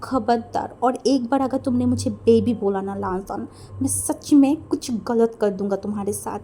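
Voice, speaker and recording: A woman's voice: fairly high pitch, normal speed, mellow, slight background noise, natural voice. A woman voicing a flustered young man who sputters out indignant questions as he tells someone off. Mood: threatening.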